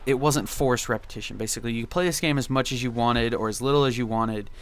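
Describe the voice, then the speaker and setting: A man's voice: mid-range voice, fast talker. A young man reminiscing casually in gameplay commentary, with a laid-back, rambling and nostalgic way of talking. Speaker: video game commentary host.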